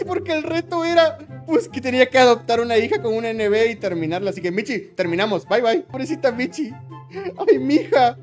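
A woman with a Mexican accent giving excitable, joking gameplay commentary, dropping slang constantly. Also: sits high. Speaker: gaming YouTuber.

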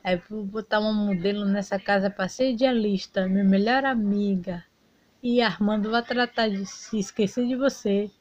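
A woman's voice: mid-range voice, steady tone, normal speed, a little mellow, dry recording, muffled recording, natural voice. A woman voicing a spiteful, snobbish young rich fiancée who taunts the maid. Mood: taunting. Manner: taunting, mocking.

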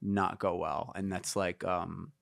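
A man in his fifties thinks aloud as a podcast guest, circling his ideas with fillers and restarts. His voice sits a little low. The recording is dry and close. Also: little pitch movement, slow pace, gravelly, dry recording. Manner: reflective and meandering, many fillers and restarts. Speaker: guest musician. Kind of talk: casual interview conversation.

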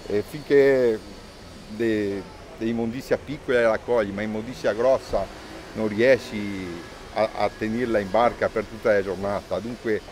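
A man, a fisherman speaking in a casual interview, halting and repeating himself. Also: on the low side, darkish tone, a little hiss or hum, rough recording. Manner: halting, repeats words, asks "hai capito?".

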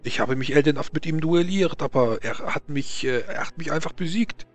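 Man putting on a halting, boastful French theatre principal. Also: a little high, voice pushed up, close to an everyday voice. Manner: halting, melodramatic, florid. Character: frightened, boastful, slender male theatre principal, freed captive.

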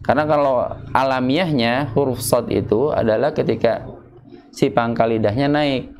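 A man's voice: mid-range voice, steady tone, moderate pace, darkish tone, a little hiss or hum. A man teaching Quran recitation at a home study circle, patiently drilling letter sounds syllable by syllable. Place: home gathering room.

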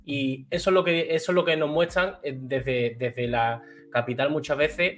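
A man's voice: medium pitch, fairly even intonation, moderate pace, soft background music. A man from Andalusia with an Andalusian accent, hosting a casual live chat and explaining his view earnestly at length. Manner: earnest, explains at length, does brief impressions. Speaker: host.

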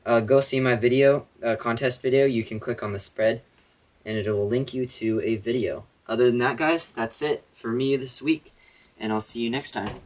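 A man's voice: medium pitch, steady tone, normal speed, a little mellow. A young man hosting in the manner of a card magician, talking casually through a trick demonstration with frequent check-in tags. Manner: casual patter, often checking with "okay?". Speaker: card magician and video host.

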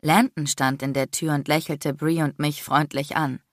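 A woman narrating a romance audiobook in the first person, lively and expressive. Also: low-pitched, normal speed, dry recording, clean studio sound.

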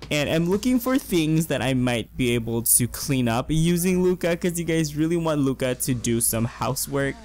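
A young man with a fairly high voice gives casual gameplay commentary as a let's play host. He sounds hoarse, as if he is losing his voice, and he talks in a chatty, excitable way, gushing with slang. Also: normal speed, hardly any pauses.

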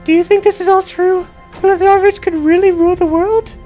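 Woman playing a very high-voiced young adventurer. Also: steady tone, a little fast, warm tone, soft background music. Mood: practical. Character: practical, dry young female adventurer. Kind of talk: parody game dub.

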